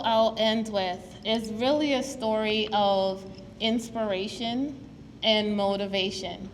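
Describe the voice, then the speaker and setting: A woman from Guyana gives an earnest, storytelling public talk to an audience as a preservation advocate at a museum. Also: medium pitch. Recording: long hall reverb, faint noise.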